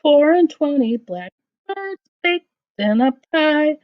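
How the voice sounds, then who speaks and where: The recording is dull and lo-fi as a woman with a voice that sits high reads rhymes to kids. She sounds like a teacher, expressive and deliberate, with a sing-song storytelling lilt.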